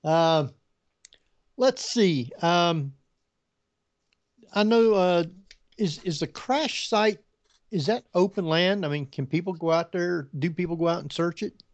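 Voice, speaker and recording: A man hosting a casual radio talk show, with a hesitant, halting delivery. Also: high voice. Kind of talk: casual live radio interview. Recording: dull lo-fi radio feed.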